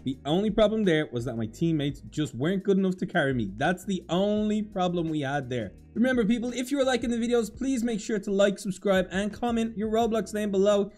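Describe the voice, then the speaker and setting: A man giving excited, dramatic, self-mocking commentary while playing a video game. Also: sits high, brisk, hardly any pauses, soft background music. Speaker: gaming YouTuber.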